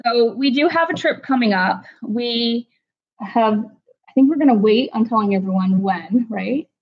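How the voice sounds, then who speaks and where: This livestream host speaks in a voice on the high side, at a measured pace. She's at home running a casual stream, talking comfortably and calling out chat viewers by name. The audio is dull and lo-fi.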